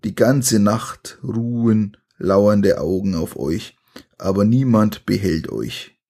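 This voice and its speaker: A man's voice: on the low side, slow, creaky, mellow. A man reading an adventure gamebook aloud to listeners, with chatty, colloquial asides between the passages. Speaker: reader of a gamebook.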